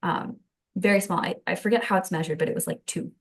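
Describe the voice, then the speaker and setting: A woman's voice: fairly low pitch, fast talker. A woman in her thirties earnestly telling her own birth story as a podcast guest, in detail. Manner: earnest and detailed, with some restarts. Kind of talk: conversational storytelling.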